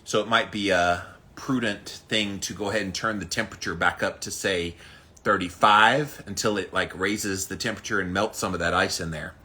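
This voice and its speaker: This is the host of a daily ice bath challenge stream, a man whose voice sits low with a steady, pushed, bright tone at a moderate pace. He greets viewers by name and keeps the casual chat emphatic and punchy.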